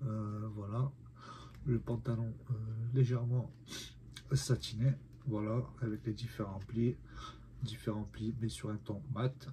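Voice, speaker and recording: Speaking with a fairly low, dark voice and little pitch movement, a man with a head cold reviews a collectible figurine for his viewers at a measured pace. This casual unboxing is marked by frequent hesitation and many "euh" fillers, with slight background noise.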